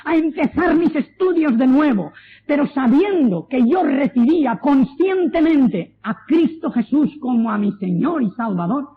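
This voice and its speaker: A man with a Spanish accent and a very high voice preaches his testimony with earnest conviction, slowing down to stress key points. The sound is thin and tinny, like an old phone-line recording. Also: expressive. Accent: Spanish from Spain. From Spain. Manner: earnest, exhorting, slows for emphasis.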